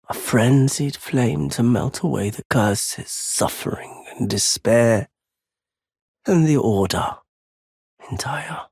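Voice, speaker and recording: Cast as a weary, courteous wandering merchant darkened by anguish, a lowish male voice sounds very raspy, husky, breathy, and gravelly. The heavily acted video game performance is slow, measured, hushed, and formally worded, recorded with no echo.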